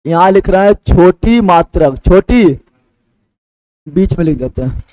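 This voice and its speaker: A man's voice: high-pitched, lively intonation, unhurried, dark tone, no echo, low-quality recording. A man teaching a class, asking the same question again and again and answering it himself. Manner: drilling students with repeated questions. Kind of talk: classroom lecture.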